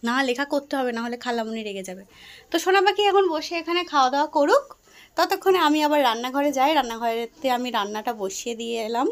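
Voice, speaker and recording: A woman's voice: high voice, lively intonation, fast talker. A young woman and mother chatting casually in a home vlog, narrating her cooking step by step and talking tenderly to her daughter. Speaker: vlogger and mother. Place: home kitchen.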